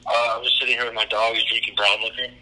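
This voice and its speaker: A man's voice: mid-range voice, level tone, fast, pushed and bright. A man with an Alabama Southern accent chatting casually and jokingly as a guest on a phone call. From Alabama, United States. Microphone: telephone. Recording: noisy, tinny phone call.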